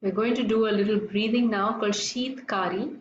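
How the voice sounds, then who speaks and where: Woman teaching breathing class, gentle soothing murmur, dull echoey audio w bit of noise. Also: medium pitch, brisk. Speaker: yoga breathing class instructor. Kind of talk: guided relaxation and breathing instruction.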